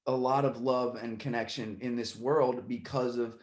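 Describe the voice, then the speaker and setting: A man's voice: medium pitch, fairly even intonation, moderate pace, reverberant. A man hosting a podcast, talking casually in long rambling stretches with many restarts, and getting worked up when he retells a story. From Puerto Rican family side. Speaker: podcast host.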